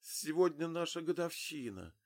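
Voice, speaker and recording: A man's voice: fairly high pitch, big pitch swings, moderate pace, a little mellow, pitched above the performer's own voice. A man doing a grieving, tearful mother. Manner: pleading, tearful. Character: grieving mother, woman, lost and quiet.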